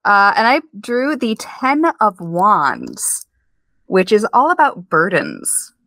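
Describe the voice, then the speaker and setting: A woman co-hosting a podcast in casual chat, bubbly and quick to laugh. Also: mid-range voice, huge pitch swings, vocal fry, sharp tone, no echo. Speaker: podcast co-host. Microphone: remote call.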